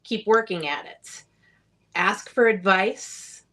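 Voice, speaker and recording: A woman's voice: mid-range voice, slow, fairly bright tone. Guest, woman author; earnest, encouraging, plainspoken interview answers.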